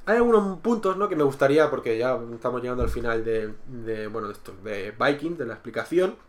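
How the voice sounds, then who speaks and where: A man in a relaxed podcast conversation with a voice of ordinary pitch. He rambles, restarts sentences and repeats words as he works out his point. He now and then acts out lines from a show. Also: brisk. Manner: acts out characters' lines in quotes. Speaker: podcast co-host reviewing a TV series. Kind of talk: casual chat.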